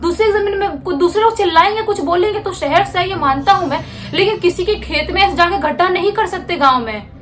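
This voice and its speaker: A woman's voice: very high voice, brisk, hardly any pauses, a bit bright, faint music behind. A woman doing a stern, scolding village uncle.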